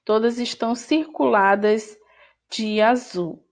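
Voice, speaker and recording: A woman's voice: fairly high pitch, fairly even intonation, slow pace. A woman teacher with a Brazilian Portuguese accent, correcting a workbook in an online lesson, who speaks patiently and repeats each word. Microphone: screen recording with voice-over.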